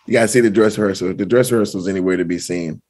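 A man's voice: low voice, rapid-fire, darkish tone. A man co-hosting a podcast in casual, slangy chat, laid-back and laughing often. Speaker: podcast co-host.

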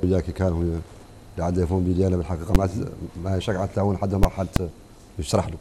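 A man from Mauritania, arguing fast and insistently as a guest on a televised panel debate. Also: low-pitched, level tone, dark tone, slight background noise. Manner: fast, insistent, interjects "hnini" to hold the floor.

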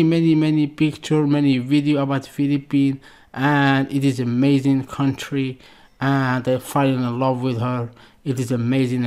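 A man in his thirties with an Algerian accent hosts reaction videos, his mid-range voice a touch mellow. He comments effusively and casually in non-fluent English, often repeating words and phrases.

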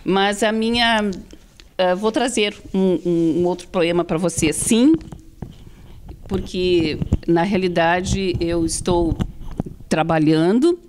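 A woman's voice: fairly low pitch, slow, a little mellow, slight background noise. A middle-aged woman with a southern Brazilian gaúcho accent, talking as a guest in an interview. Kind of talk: conversational interview talk. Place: small indoor TV studio. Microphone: handheld microphone.

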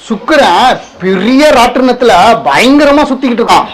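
Guy doing a sketchy fake astrologer, high voice, solemn and wheedling, a swindler. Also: animated, normal speed, a little hiss or hum, poor audio. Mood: mock-solemn. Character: fake male astrologer, smooth-talking swindler. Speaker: comedy sketch actor. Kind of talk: comedy skit acting.

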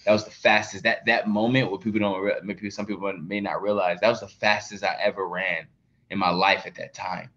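This man's voice is lowish, bright and forceful, delivered fairly quickly in a level tone. In his thirties, he's an athlete being interviewed for a documentary over a video call, answering earnestly with many fillers and repeated words from a room with a plain wall. The recording has a dull, lo-fi video call character.

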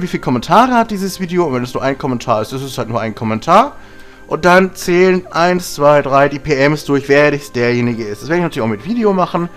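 A man hosting a casual gaming video blog, slightly hoarse from a sore throat, talking in an informal, blunt, rambling way. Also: on the high side. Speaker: gaming channel host.

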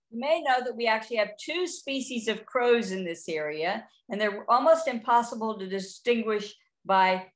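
A middle-aged woman with a slightly high, fairly bright voice presents on birding, giving a chatty, informal talk about identifying birds. She restarts often and throws in playful bird imitations.

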